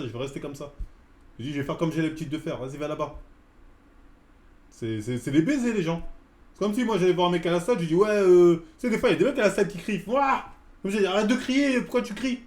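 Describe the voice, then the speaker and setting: A man's voice: a little high, darkish tone. A man in his forties ranting in casual slang on a live stream about a run-in at the gym. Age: 40s. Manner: slangy, heated street-style talk. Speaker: fitness streamer. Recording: echoey room.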